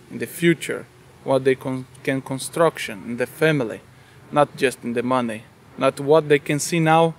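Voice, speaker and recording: Earnest Brazilian man, halting English. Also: mid-range voice. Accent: Brazilian Portuguese. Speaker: football project organizer. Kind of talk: documentary interview. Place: outdoor football field.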